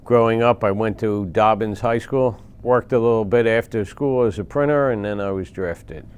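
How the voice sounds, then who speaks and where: A man in his sixties from Philadelphia, a veteran recounting war memories in a plain-spoken, halting way with pauses and fillers. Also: on the low side, clear, resonant tone. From Philadelphia, USA. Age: 60s. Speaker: veteran interviewee.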